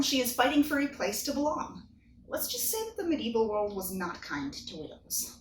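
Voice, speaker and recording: A woman's voice: on the high side, fairly bright tone, a little hiss or hum. A woman author giving a chatty, earnest video update to her readers. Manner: chatty and earnest, with bursts of laughter. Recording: echoey room, mic at a distance.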